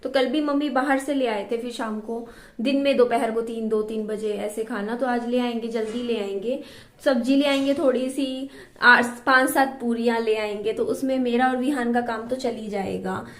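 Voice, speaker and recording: A woman's voice: a little high, fairly even intonation, moderate pace, reverberant. A young woman vlogging from her home kitchen, chatting in a rambling, homely way. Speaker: vlogger and mother. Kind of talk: casual chat to camera.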